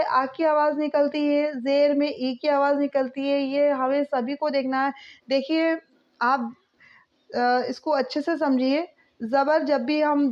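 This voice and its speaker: A woman with a high voice teaches an online language lesson at an unhurried pace. She drills letter sounds one at a time, patiently and clearly for beginners. The recording is a little dull and lo-fi. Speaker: Urdu teacher.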